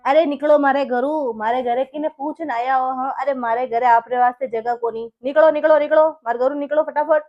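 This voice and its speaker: Comic skit: a woman doing a rude, bossy Marwari husband, high voice, sneering questions. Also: steady tone, normal speed, hardly any pauses, lo-fi sound, soft background music, lightly acted. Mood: scornful. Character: angry young husband, harsh, domineering.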